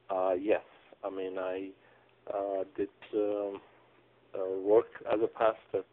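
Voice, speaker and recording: A man from Iran who serves as a pastor talks slowly and a little low, feeling his way through answers with frequent pauses and restarts. The sound is narrow and phone-like, as if heard over a radio call-in. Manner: halting, many fillers and restarts. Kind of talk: radio interview, answering questions.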